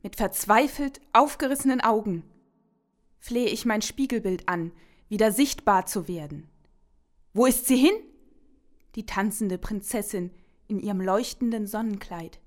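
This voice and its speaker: A woman giving a dramatic poetry recitation, slow and theatrical, with emotionally charged delivery. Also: medium pitch.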